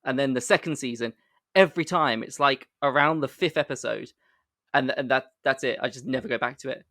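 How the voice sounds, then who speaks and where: A man's voice: mid-range voice, fairly quick, pushed and bright, no echo, studio quality. A man co-hosting a casual podcast chat, friendly and easygoing. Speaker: podcast co-host.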